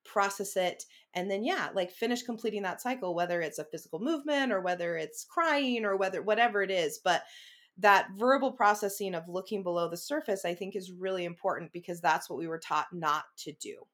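A woman's voice: mid-range voice, fairly quick. A woman hosting a conversational podcast, talking animatedly and acting out her own inner dialogue. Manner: animated verbal processor, acts out inner dialogue. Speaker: podcast host. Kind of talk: casual conversation.

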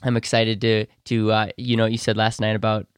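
Smooth-voiced male podcast host. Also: on the low side, completely flat delivery, a little fast, no room sound, studio quality. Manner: enthusiastic, frequent affirmations. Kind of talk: podcast interview. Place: podcast studio.

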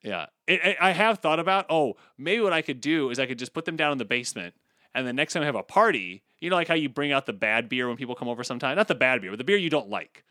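A playful man co-hosting a casual podcast, telling stories with real animation. His voice swoops up and down a lot around a middle pitch, and the sound is close and dry. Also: animated, fast talker, pushed and bright, dry recording. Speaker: podcast co-host.

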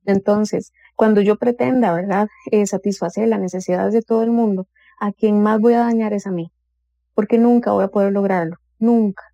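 Woman giving calm advice, mellow low-key voice, dry dull-sounding studio. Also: moderate pace, gravelly, no echo. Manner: calm explanatory, acts out quoted family dialogue. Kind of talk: advice talk on a radio or web show.

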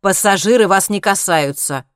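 A man voicing a cold, menacing male scientist who interrogates slowly and coldly. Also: on the high side, lively intonation, no room sound, studio quality. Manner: slow, icy, measured, bursting into shouts. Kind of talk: audiobook character reading.

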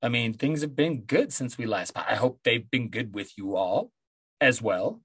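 Male podcast host, middle-aged, smoker's rasp, loose sweary stoner chat, dry close recording. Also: mid-range voice, expressive, normal speed, a bit bright, no echo. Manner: laid-back, sweary stoner talk. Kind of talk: casual rambling solo podcast talk.

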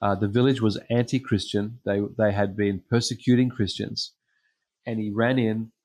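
A man preaching a sermon, telling personal stories in a halting way with frequent pauses and ums. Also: on the low side, fairly even intonation, darkish tone. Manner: hesitant storytelling with frequent ums.

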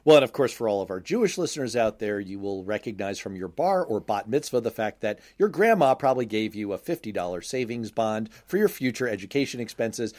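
A man's voice: mid-range voice, a little mellow. A man co-hosting a podcast in casual chat, wry and jokey as he poses questions. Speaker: podcast co-host asking questions.

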